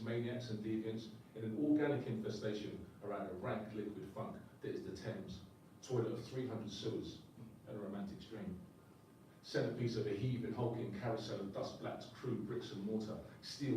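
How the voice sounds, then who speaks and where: A man's voice: fairly low pitch, dark tone, a little hiss or hum. A man performing slam poetry live, with a rhythmic, emphatic spoken-word delivery. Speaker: poet. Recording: echoey room, distant mic, faint ambience.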